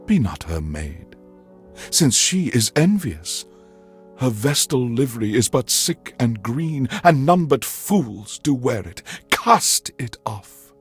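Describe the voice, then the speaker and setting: A male radio DJ plays a pompous, theatrical alien overlord, erudite and menacing, speaking slowly at medium pitch. He mixes radio presenting with Shakespearean recitation, grandiose and deliberately enunciated.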